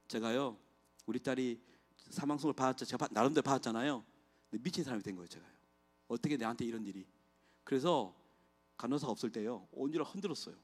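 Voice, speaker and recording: A middle-aged man, a pastor, giving an impassioned testimony sermon in a church and asking the congregation rhetorical questions. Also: mid-range voice. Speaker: guest pastor. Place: church sanctuary.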